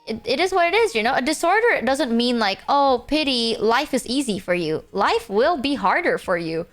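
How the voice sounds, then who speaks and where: Cute, squeaky, very high-pitched anime-style woman streamer. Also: moderate pace, soft background music. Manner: expressive, playful. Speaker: livestreamer chatting with viewers. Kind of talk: casual livestream chat.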